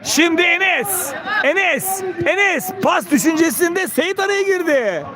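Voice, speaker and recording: A man screaming excited live football commentary, stretching out his calls. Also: slow. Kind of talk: live play-by-play commentary of an amateur match. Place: outdoors beside a football pitch. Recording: outdoor pitch with players and crowd behind.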